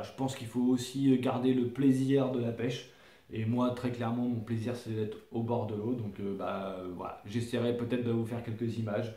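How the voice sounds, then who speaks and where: A man's voice: medium pitch, dark tone. A man from France casually presenting his fishing lures to camera, hesitant, with many fillers and restarts. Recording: echoey room.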